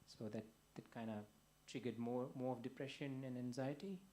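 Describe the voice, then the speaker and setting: A soft-spoken young man from Fiji tells his story hesitantly, pausing often and restarting his sentences. His voice is flat and even, with a dark, mellow tone. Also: medium pitch, a little hiss or hum. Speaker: guest. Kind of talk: personal testimony.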